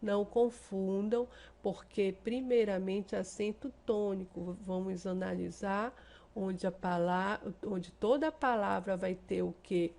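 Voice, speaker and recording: A Brazilian schoolteacher walks her class through a lesson at a steady, patient pace. Her mid-pitched woman's voice carries a gravelly fry, and she keeps pausing to check in with her students. She draws out the example words slowly and loudly for emphasis. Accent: Brazilian Portuguese. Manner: explains step by step, often checking in with "tá?". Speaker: teacher.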